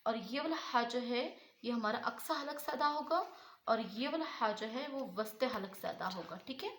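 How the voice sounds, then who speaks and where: A woman's voice: on the high side, animated, moderate pace, a bit bright, reverberant, a little hiss or hum. A woman teaching Quran pronunciation, who asks herself questions and answers them as she explains each letter. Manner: repeats her own questions and answers them. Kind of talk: explanatory tajweed lesson.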